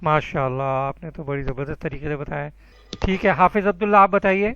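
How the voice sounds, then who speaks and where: High-voiced man teaching an online class. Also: fairly even intonation, a bit bright, highs cut off. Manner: patient, encouraging, calls students by name. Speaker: Arabic teacher.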